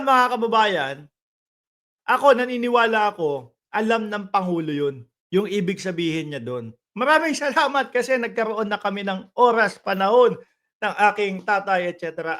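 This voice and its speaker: A man from the Philippines giving casual political commentary to his viewers. He speaks straight to them, rambles with restarts, throws in rhetorical tag questions and polite particles, and breaks into sudden loud emphatic bursts. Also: sits high.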